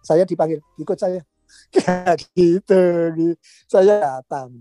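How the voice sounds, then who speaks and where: A man, telling stories in a casual chat, animated and laughing often as he acts out quotes. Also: high voice, slow, faint music behind.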